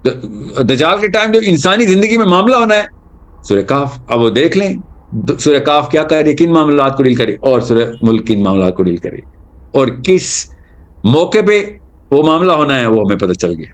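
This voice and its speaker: A man giving an animated religious talk, telling stories and mixing in English terms. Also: fairly high pitch. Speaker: Islamic speaker.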